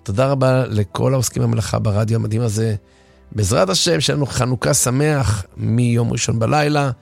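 A man giving an impassioned late-night radio sermon, hoarse and animated. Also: mid-range voice, no room sound, faint music behind. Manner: animated, impassioned, acts out stories. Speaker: radio preacher. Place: radio studio.

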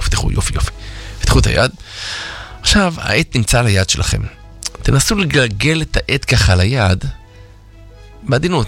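A man's voice: medium pitch, a bit bright. A man guiding listeners through a self-help exercise, teaching in a rhetorical, playfully teasing way. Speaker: self-help workshop instructor. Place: radio studio.

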